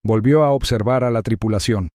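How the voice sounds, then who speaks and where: Male narrator, mid pitch, mellow and dry, measured suspense reading. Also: dry recording. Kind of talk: scripted narration.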